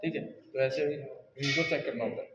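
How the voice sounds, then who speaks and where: A man's voice: medium pitch, moderate pace. A man demonstrating car repair step by step in a workshop class, often checking in with his students. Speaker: auto mechanic instructor. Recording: echoey room with crowd noise.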